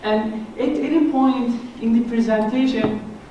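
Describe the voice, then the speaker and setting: A high-voiced man with a thick Turkish accent, giving an earnest explanatory talk. He sounds set back from the mic in a very echoey church hall. A faint hiss sits under his voice. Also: a little slow, dark tone, distant mic, muffled recording. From Turkey. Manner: earnest, explanatory, self-deprecating humor. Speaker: guest speaker. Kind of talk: church presentation on Islam.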